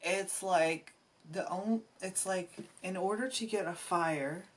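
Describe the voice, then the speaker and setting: A woman giving an intuitive tarot reading, musing aloud in a halting way, often restarting her sentences and sometimes getting emotional. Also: on the low side, a little hiss or hum. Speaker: tarot reader.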